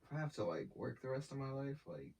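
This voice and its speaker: A man's voice: mid-range voice, big pitch swings, fast, darkish tone, a little hiss or hum. A young man, talking casually in an interview in a laid-back, slangy way. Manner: laid-back slangy talk, swearing, filler-heavy. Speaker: artist and brand founder. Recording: voice from a distance off the mic.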